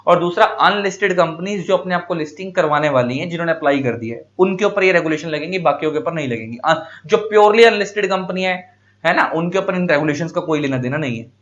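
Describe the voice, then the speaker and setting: Male lecturer, somewhat high voice, questions the class and answers himself, dull lo-fi sound. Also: fast talker, fairly bright tone. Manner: repeats key points, addresses students as beta. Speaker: teacher.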